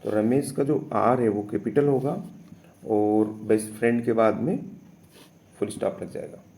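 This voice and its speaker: A man teaching, slowly and patiently explaining English test answers step by step, with frequent fillers. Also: on the low side, mellow.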